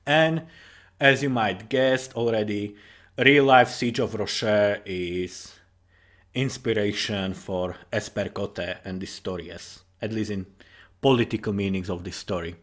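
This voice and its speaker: A tired man with a fairly low, slightly bright voice rambles informally about his own story as its writer. He halts, corrects himself, and swears casually along the way.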